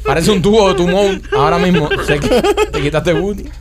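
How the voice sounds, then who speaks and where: A man's voice: high voice, wildly swooping pitch, fairly quick, crowd noise. A man co-hosting a comedy podcast, teasing the others and egging them on to tell jokes. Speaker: podcast co-host. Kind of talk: casual comedic banter.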